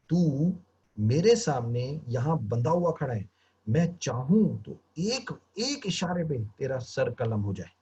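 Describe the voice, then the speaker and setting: A man's voice: mid-range voice, warm tone, slightly rough, heavily acted. A man voicing an arrogant, mocking male demon king who taunts and threatens a bound captive, over muffled lo-fi video call audio.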